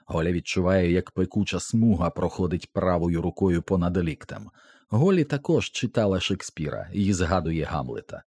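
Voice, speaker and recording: A man narrating an audiobook with a tense, expressive dramatic reading. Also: low voice, moderate pace, slightly rough, no echo, studio quality.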